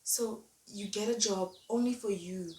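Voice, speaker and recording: A woman's voice: mid-range voice, a little slow, warm tone. Emphatic woman in echoey room. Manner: emphatic, repeats key phrases. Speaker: vlogger. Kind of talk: motivational monologue. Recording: echoey room, distant mic, faint noise.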